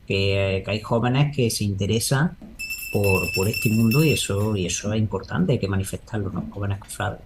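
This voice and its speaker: A man's voice: lowish voice, normal speed. Man talking over noticeable background noise. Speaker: local interviewee, Holy Week proclamation speaker. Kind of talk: spontaneous radio interview answers.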